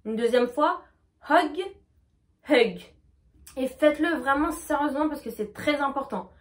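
Femme à la voix aiguë, leçon d'anglais. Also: female voice, high-pitched. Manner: slow, over-articulated demonstrations of English words. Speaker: English teacher. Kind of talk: pronunciation lesson.

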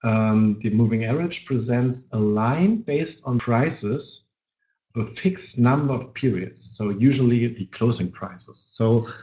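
A man who is not a native English speaker presents a live trading webinar, talking haltingly and searching for words while he has a cold. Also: mid-range voice, warm tone. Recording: dull lo-fi webinar audio.

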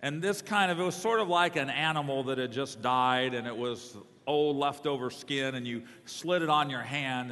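A middle-aged man preaching a sermon in a large church hall, telling a personal story with self-deprecating humor and lively swings between loud and soft. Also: medium pitch. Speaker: guest preacher. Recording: long reverb of a large hall.

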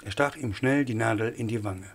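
Man narrating an audiobook, husky, measured, even pace. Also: on the low side. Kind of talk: scripted narration.

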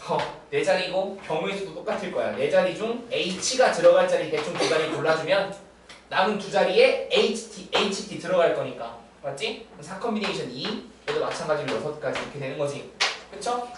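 A woman's voice: sits low, lively intonation, fairly quick. A young woman tutors math one-on-one, her voice swinging up and down animatedly as she checks in with the student after every step. She sounds set back from the mic in a very echoey room. A faint hiss runs underneath. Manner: checks understanding with constant tag questions. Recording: roomy distant mic with faint noise.

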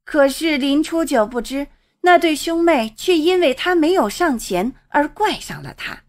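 A woman narrating a serialized fantasy novel in a lively storytelling manner. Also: measured pace. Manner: lively storytelling, swings pitch with the action. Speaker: audiobook narrator.

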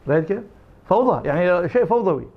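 A man's voice: high voice, expressive, racing, creaky, narrow, tinny audio. A man from Iraq with an Iraqi Arabic accent, giving interview answers as an academic guest, arguing his point through imagined back-and-forth dialogues. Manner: argumentative, uses imagined dialogues.

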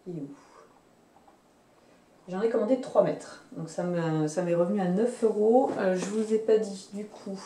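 Woman, 30s, casual sewing vlog chat, hesitant fillers, warm mellow voice, roomy distant recording. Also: medium pitch, normal speed, slight background noise. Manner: hesitant, many fillers and restarts. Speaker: sewing vlogger. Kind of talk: casual chat showing fabric purchases. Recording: roomy sound, away from the mic.

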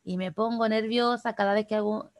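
A woman with a Chilean accent, teaching an online class over a video call, talking quickly and chattily straight to the participants. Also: medium pitch, steady tone, dry recording. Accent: Chilean Spanish. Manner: fast, chatty, addresses participants directly. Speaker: workshop instructor.

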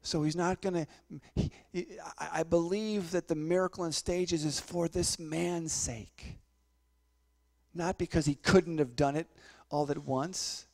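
High-voiced pastor telling a story. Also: male voice, steady tone, measured pace, creaky, a little mellow. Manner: storytelling, acts out voices, repeats words. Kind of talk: sermon with personal testimony.

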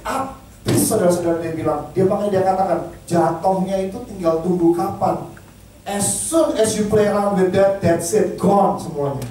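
A male preacher giving an animated sermon in a church, switching between Indonesian and English and asking his congregation questions. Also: sits high, moderate pace, a little hiss or hum. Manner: animated, asks the congregation questions and leads group reading. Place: church hall. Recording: echoey hall, mic at a distance.

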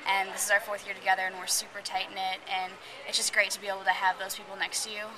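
A woman's voice: mid-range voice, monotone, fast talker, low-quality recording. A young woman in her early twenties, a senior college gymnast, answering interview questions in an eager, upbeat way inside a large gym, filmed close to the camera. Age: early 20s. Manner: upbeat, eager, repeats "really". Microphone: camera close to face. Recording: gym chatter in background.

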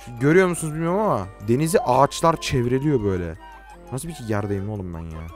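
A teenage man from Turkey giving casual, joking gameplay commentary, talking to game characters and swinging from quiet mutters to sudden shouts. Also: mid-range voice, lively intonation, fast talker, soft background music. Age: late teens. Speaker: gaming YouTuber.

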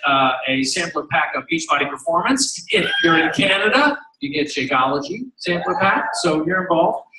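A middle-aged man gives an emphatic motivational speech from a stage, hammering home a slogan. His voice is high and bright and carries some force. It is heard from a distance in a large, echoey hall. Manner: emphatic, repeats a slogan, tells stories with quoted voices. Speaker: company executive addressing coaches.

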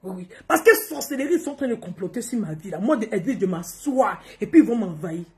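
A woman's voice: medium pitch, animated, quick pace. A woman, talking straight to her followers in a scolding, confrontational rant and often repeating herself. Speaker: social media personality. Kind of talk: angry direct-to-camera rant.

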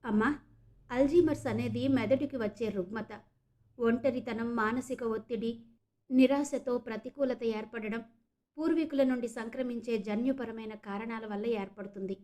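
A woman voicing a calm middle-aged male doctor who explains patiently. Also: fairly high pitch, moderate pace, close to an everyday voice.

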